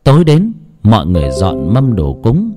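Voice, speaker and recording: Low dramatic male ghost-story narrator. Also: normal speed, music in the background. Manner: dramatic, expressive.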